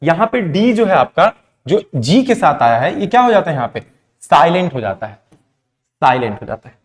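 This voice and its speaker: Lively teacher quizzing his class. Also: on the high side, moderate pace. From India. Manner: asks questions then answers them himself, mixing Hindi and English. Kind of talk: classroom lesson on pronunciation.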